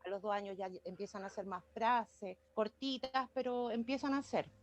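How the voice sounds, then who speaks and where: A woman's voice: mid-range voice, fairly even intonation, moderate pace. A woman, a student summarizing her section of a class presentation over a video call, hesitant and full of fillers. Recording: muffled video call audio.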